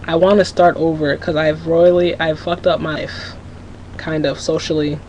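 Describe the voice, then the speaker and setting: A low, darkish female voice with little pitch movement talks at normal speed, and the highs of the recording are cut off, with a faint hiss beneath. She's a teenage vlogger from Minnesota, USA, rambling candidly to her home webcam and restarting sentences as her ideas run ahead.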